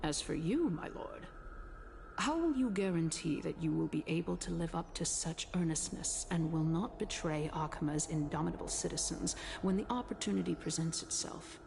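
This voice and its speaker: An imperious, scheming female council elder from a video game delivers a formal, grave oration in a fairly low, very gravelly voice with a darkish tone. Her intonation is lively and her pace moderate, her mood stern and probing, with faint noise underneath.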